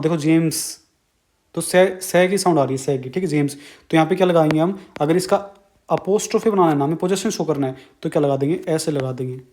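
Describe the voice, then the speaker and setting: Indian man teaching grammar, higher voice. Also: darkish tone. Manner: explains step by step, keeps asking and answering his own questions. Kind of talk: exam-prep grammar lecture.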